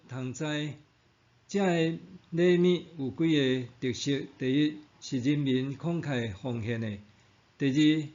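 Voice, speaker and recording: Slow-reading man with Taiwanese Hokkien accent. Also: mid-range voice, darkish tone, muffled recording. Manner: measured, formal read-aloud delivery. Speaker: devotional reader and narrator. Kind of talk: scripted devotional narration.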